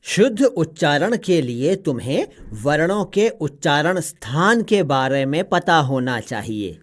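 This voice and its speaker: A woman voicing a patient old male parrot who teaches pronunciation slowly and carefully in a cartoon story. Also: low voice, big pitch swings, full character voice. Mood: instructive. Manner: slow, careful, spelling out each sound.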